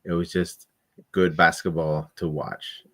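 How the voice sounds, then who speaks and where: A man's voice: sits low, steady tone, a little slow, a bit bright. A man co-hosting a casual sports talk stream, thinking aloud with many hedges and restarts. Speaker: podcast co-host.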